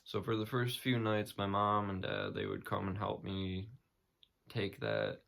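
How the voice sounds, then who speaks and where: A man's voice: lowish voice, expressive, a little slow, creaky, a bit bright. A young man talking casually in an unscripted vlog, hesitant and matter-of-fact as he shares his experience. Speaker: vlogger sharing personal recovery experience.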